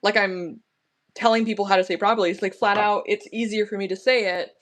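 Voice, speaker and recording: A woman's voice: medium pitch, steady tone, quick pace. Chatty woman cooking on stream. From Canada. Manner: chatty, rambling, self-correcting. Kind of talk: casual chat while cooking. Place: home kitchen. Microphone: camera on a tripod.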